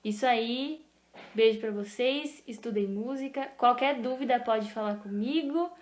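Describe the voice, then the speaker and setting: A young woman teaching an online music lesson, slowly and patiently explaining rhythms and chanting syllables to the beat. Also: fairly high pitch. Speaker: music teacher for a youth club. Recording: echoey room, faint noise.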